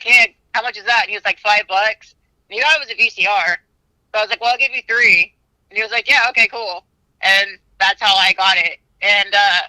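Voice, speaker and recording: A man's voice: high-pitched, pushed and bright, dry recording, poor audio. A man in his thirties, calling in over a phone on speakerphone and telling a rambling, joking story with fillers. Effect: heard through a phone on speakerphone. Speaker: caller, console owner.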